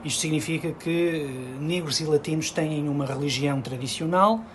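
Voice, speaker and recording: A man offers calm, measured commentary in a played clip. His voice sits on the higher side for a man. He pauses on small hesitation fillers, and a faint background hum runs behind him. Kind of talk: spoken commentary.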